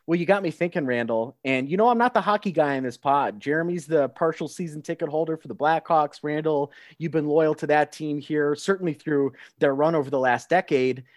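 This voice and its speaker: A man's voice: on the high side, brisk, few pauses, no room sound, studio quality. A man co-hosting a sports podcast, talking in an upbeat, enthusiastic way. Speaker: podcast co-host. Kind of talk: casual sports chat.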